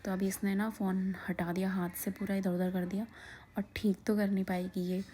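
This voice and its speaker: A woman casually narrating a vlog, often slipping into a soft whisper and laughing. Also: medium pitch, flat delivery, moderate pace, a little hiss or hum. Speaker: vlogger.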